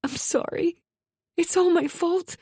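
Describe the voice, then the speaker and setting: A man's voice: very high-pitched, slow pace, a little mellow, no room sound, studio quality, pitched above the performer's own voice, full character voice. A man doing a weeping, remorseful young woman. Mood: tearful pleading. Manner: tearful, pleading, apologetic.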